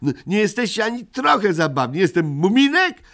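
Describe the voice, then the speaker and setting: A man's voice: sits high, very animated, moderate pace, fairly bright tone, pitched above the performer's own voice, heavily acted. A man voicing a young male troll who is indignant and desperate, pleading and stammering.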